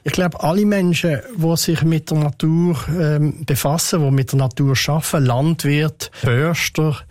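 A man, answering interview questions in a measured, thoughtful way with frequent hesitations. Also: fairly high pitch, fairly even intonation, a little mellow, no echo, clean studio sound. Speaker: head of city tree and green space department, interviewee.

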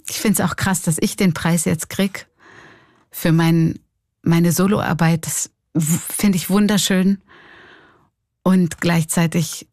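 Swiss german woman, middle-aged clown, candid reflective talk, lowish voice, dry close sound. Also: darkish tone, no room sound. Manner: reflective, candid, laughs often. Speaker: clown and comedian. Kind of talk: reflective interview monologue.

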